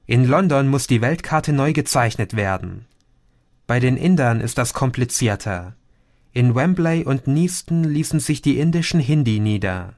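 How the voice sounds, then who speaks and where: A man's voice: medium pitch, expressive, normal speed, darkish tone, no room sound, clean studio sound, close to an everyday voice. A man voicing a friendly, talkative middle-aged Portuguese café owner who likes to explain things. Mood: friendly, chatty.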